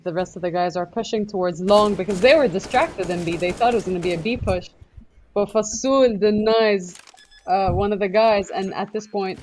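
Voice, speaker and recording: A woman's voice: mid-range voice, a little mellow, a little hiss or hum. Chatty female esports co-caster. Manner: chatty analysis, laughs often. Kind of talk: live game commentary.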